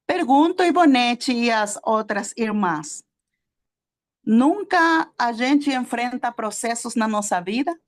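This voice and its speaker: This woman's voice sits on the high side with lively intonation, and her Spanish accent reflects her native Spanish. A preacher and theology teacher, she leads a small group through a sermon, pausing frequently with fillers and confirming they follow.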